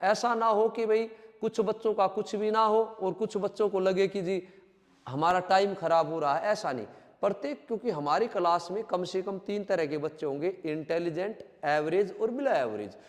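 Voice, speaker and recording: A man's voice: sits high, moderate pace, long reverb tail. A man teaching a coaching class lecture, explaining by restating terms and speaking directly to his students.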